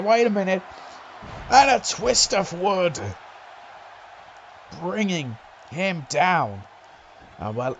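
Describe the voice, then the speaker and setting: A man doing excitable play-by-play wrestling commentary, breaking into loud exclamations. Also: on the high side, a little hiss or hum.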